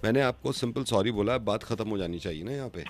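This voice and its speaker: A man's voice: lowish voice, quick pace, faint music behind. A male radio host making a prank phone call, stubbornly insistent and repeating himself with mock innocence.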